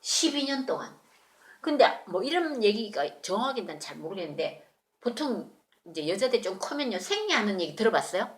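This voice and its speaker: A woman telling a Bible story to children in church, animated and often asking them questions. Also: medium pitch, normal speed, roomy sound. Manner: animated, asks children questions, acts out voices. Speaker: children's Sunday school teacher.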